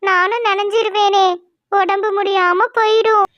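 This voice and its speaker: A woman's voice: very high voice, little pitch movement, unhurried, no room sound, highs cut off. A woman voicing Laila, a hardworking, honest young female crow who builds houses in a cartoon story. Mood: distressed. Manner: earnest, pleading.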